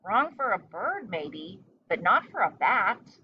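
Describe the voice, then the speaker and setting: A woman voicing a loud, emphatic, matter-of-fact bat in a storybook. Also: mid-range voice, sing-song, slow, breathy edge, dull audio, exaggerated voice. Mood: matter-of-fact correcting.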